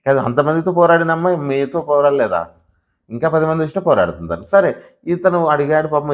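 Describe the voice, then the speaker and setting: A man reviewing a show in casual spoken commentary, arguing with many rhetorical questions and talking straight to viewers as "sir". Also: fairly high pitch. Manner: animated, argumentative, full of rhetorical questions; addresses viewers directly as sir.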